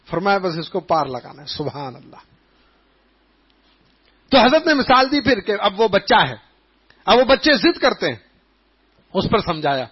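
A man giving an Islamic sermon, telling anecdotes in an animated way and acting out the people he quotes. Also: high voice, breathy edge. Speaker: preacher. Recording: dull lo-fi recording.

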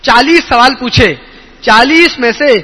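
High, bright-voiced male preacher in a reverberant hall. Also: breathy edge. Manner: storytelling, asks the listeners for agreement. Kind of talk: sermon.

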